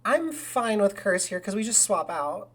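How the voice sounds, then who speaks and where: A woman streaming a game live, chatting casually in a rambling way and breaking into excited cheers. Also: mid-range voice, measured pace. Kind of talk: casual live gaming commentary.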